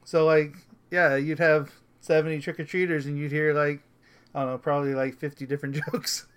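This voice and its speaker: A man's voice: on the high side, level tone, fairly quick, smooth. A man co-hosting a podcast in casual chat, rambling and hesitant with many fillers and restarts. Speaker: podcast co-host.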